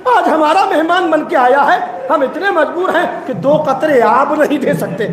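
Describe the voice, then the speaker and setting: Man, very high voice, emotional chanted elegy sermon, sobbing wails, echoey hall. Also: expressive, a crowd in the background. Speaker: preacher at a mourning gathering. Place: mourning gathering hall. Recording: echoey hall with faint noise.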